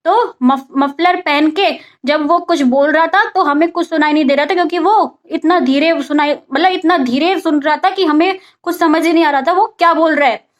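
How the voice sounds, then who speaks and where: A woman's voice: high-pitched, moderate pace, few pauses. A woman teaching English vocabulary in a casual spoken lesson, asking and answering her own questions. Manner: mixes English vocabulary into Hindi explanation.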